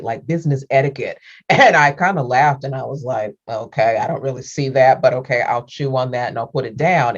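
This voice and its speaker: A woman's voice: extremely low pitch, darkish tone. Chatty middle-aged lady hosting an interview, laughs a lot, lo-fi video call sound. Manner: chatty, laughs often, repeats words. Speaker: interview host. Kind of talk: casual interview chat. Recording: dull lo-fi call audio.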